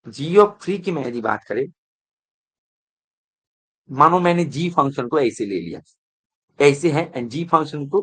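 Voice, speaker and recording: A male math teacher giving an online exam revision lecture, mixing English terms into his talk and often asking whether students are following. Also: a little high. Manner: keeps checking if students follow; mixes English terms into Hindi.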